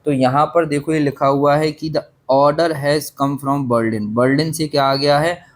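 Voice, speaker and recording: A male teacher explaining an English chapter in a lesson, pausing to ask his class rhetorical questions and coughing now and then. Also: on the high side, fairly even intonation. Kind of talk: Hindi-medium English literature lesson.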